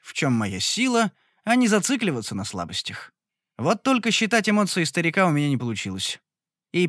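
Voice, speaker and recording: Lively male audiobook narrator. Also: a little high, no room sound, clean studio sound. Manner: lively, expressive reading. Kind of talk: scripted first-person narration.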